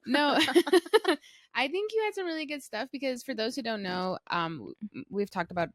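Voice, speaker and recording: A woman's voice: fairly high pitch, expressive, a little fast, dry recording, clean studio sound. A young American woman from Arizona co-hosting a podcast, chatting informally and agreeably with lots of "like". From Flagstaff, Arizona, United States. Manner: informal, filler-heavy, agreeable. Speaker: podcast co-host. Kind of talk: casual chat.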